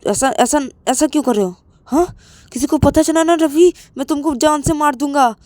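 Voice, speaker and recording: A woman's voice: medium pitch, steady tone, mellow, no room sound, natural voice. A woman voicing a domineering, threatening young male lover who gives harsh orders. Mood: menacing. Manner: harsh, menacing, rapid-fire demands.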